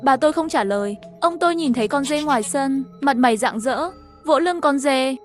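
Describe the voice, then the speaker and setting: A woman telling a horror story in a steady, even storytelling voice, as the channel's narrator and dubber. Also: high voice, moderate pace, soft background music.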